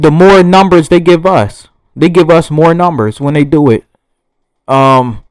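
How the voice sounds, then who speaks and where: A man's voice: a little high, a little mellow, no echo, low-quality recording. A young man with a Southern US accent, talking bluntly and profanely to camera in a rambling monologue. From Southern United States. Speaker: vlogger.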